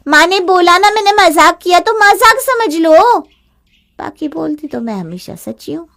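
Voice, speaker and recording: A bratty teenage girl taunts and mocks in a high voice, as a woman voices her. She is the spoiled sister-in-law of an animated family storybook, insolent in every line. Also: measured pace, full character voice. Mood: taunting.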